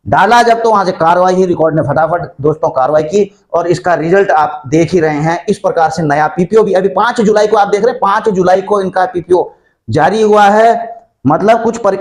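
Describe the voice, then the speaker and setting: A high-voiced male YouTube host explains army pension rules in a chatty way, treating viewers like friends, with frequent fillers and restarts.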